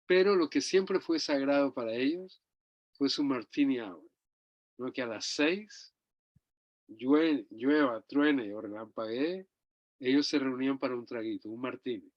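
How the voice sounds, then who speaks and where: This older Chilean interview guest speaks unhurriedly in a mid-range voice, reminiscing about his parents in rambling stories and often finishing phrases with a tag question. There's no room sound; the close recording is dull and dry.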